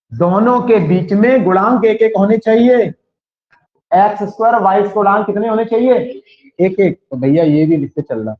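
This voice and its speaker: High-pitched man teaching maths in echoey room. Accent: western Uttar Pradesh Hindi. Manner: questioning students, repeating key points. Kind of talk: classroom lecture. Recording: echoey, dull lo-fi classroom recording.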